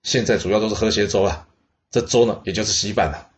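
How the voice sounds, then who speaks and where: A man voicing a stubborn, sharp-tongued old queen dowager in a blunt, petulant way. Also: fairly low pitch, fast, highs cut off, close to an everyday voice. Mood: grumbling.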